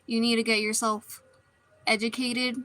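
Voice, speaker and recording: Woman streamer, slightly high voice, meandering casual chat over drawing, desk mic. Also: flat delivery, measured pace, a bit bright, no room sound, poor audio. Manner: rambling, meandering, many restarts.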